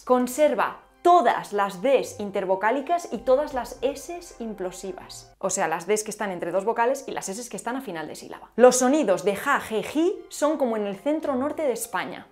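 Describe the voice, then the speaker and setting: A woman's voice: mid-range voice, a little mellow. A woman with a Spain Spanish accent hosting a lesson video, playfully demonstrating pronunciations. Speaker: linguistics video host.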